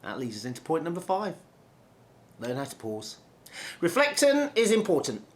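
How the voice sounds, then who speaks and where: A middle-aged man teaching presentation skills, deliberately slowing down, stretching and repeating key words to show how it's done. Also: fairly high pitch, huge pitch swings. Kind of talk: instructional talk to camera.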